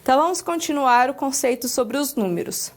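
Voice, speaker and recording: High-voiced Brazilian woman teaching English. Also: animated, fairly quick. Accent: Brazilian Portuguese. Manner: explains step by step with many "ok?" checks. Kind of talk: recorded lesson.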